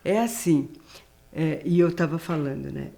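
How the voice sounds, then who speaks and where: A woman's voice: low-pitched, measured pace, vocal fry, dark tone. A woman from Brazil hosting a podcast interview, agreeing with her guest and searching for words as she talks. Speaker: podcast host.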